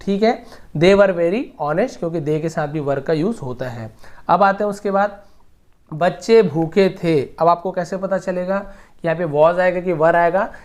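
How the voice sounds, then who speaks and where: A man teaching English grammar, patiently repeating each example slowly word by word. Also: high-pitched, a little mellow. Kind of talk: explaining grammar lesson.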